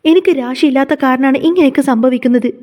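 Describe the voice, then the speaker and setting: A woman voicing a gentle, hurt young wife who pleads, in a fast retelling of a TV serial. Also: high voice, natural voice. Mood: pleading. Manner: pleading, tearful.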